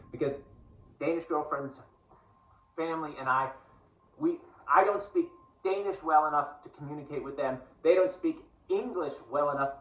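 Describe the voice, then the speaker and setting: A man's voice: on the high side, sharp tone, echoey room, far from the mic, muffled recording. A man from the United States, talking to camera in a casual, digressive and earnest monologue. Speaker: vlogger.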